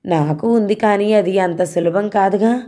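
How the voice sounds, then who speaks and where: A woman's voice: mid-range voice, a little slow, warm tone, close to an everyday voice. A woman voicing a flirtatious, self-pitying middle-aged married man who sighs about his life.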